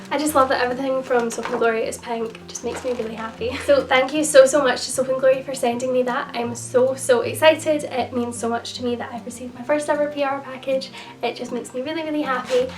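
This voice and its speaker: A young woman with a slightly croaky voice, gushing warmly in a casual haul vlog about things she bought. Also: on the high side, distant mic. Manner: gushing, effusive, repeats "so, so". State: croaky voice from a cold. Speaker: beauty and lifestyle vlogger. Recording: music bed, voice a little off-mic.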